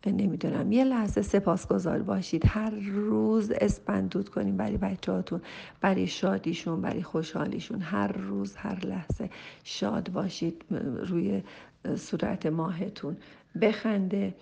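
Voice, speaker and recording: A woman's voice: mid-range voice, gravelly, warm tone, breathy edge. A middle-aged woman counselor giving parenting advice in a direct, repetitive, motherly way. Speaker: family counselor answering a parent's question. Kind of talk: advice talk.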